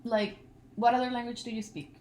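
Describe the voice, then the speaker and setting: Brief: native Spanish-speaking woman vlogger, lively chatty delivery, slightly high voice, faint background hiss. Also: brisk. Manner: chatty, animated storytelling. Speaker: channel host, language learner. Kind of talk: casual vlog chat.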